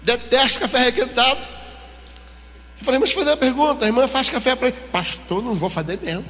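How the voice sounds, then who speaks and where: A man's voice: very high voice, quick pace. A man with a Brazilian Portuguese accent preaching a sermon in a church, acting out dialogue as he tells stories. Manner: animated storytelling, acting out dialogue. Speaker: pastor. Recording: long church hall reverb.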